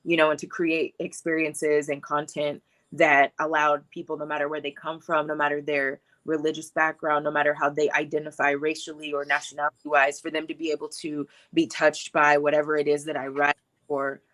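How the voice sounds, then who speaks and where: In a flat, brisk delivery with a low, slightly bright voice, a young Hawaiian woman who makes films and acts shares her story. The video-call conversation is casual and thoughtful, sprinkled with "like" and "you know".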